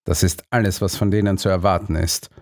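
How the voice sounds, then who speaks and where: Ein Mann, der in einem Hörbuch einen strengen, ungeduldigen älteren Kanzler spricht, herrisch und befehlend. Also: male voice, low-pitched, fairly even intonation, fairly quick, dry recording, clean studio sound. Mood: verzweifelt.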